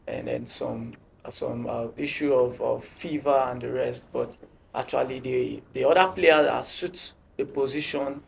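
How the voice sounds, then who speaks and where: A man with a gravelly, creaky voice, speaking as a football team captain in an interview. He talks haltingly, stumbling over and repeating words. Light noise sits under the recording. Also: medium pitch. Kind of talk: interview answers.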